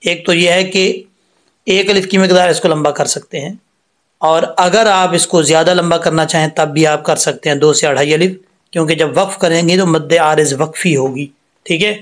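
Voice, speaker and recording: A man teaching Quran recitation rules step by step, explaining patiently and reciting each word slowly with drawn-out vowels. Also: a little high, steady tone. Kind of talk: step-by-step tajweed lesson.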